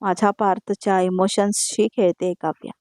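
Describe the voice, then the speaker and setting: A woman's voice: mid-range voice, flat delivery, moderate pace, a little mellow, no echo, natural voice. A woman voicing an upset, indignant middle-aged mother in a dry recording. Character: anxious angry middle-aged mother Manini.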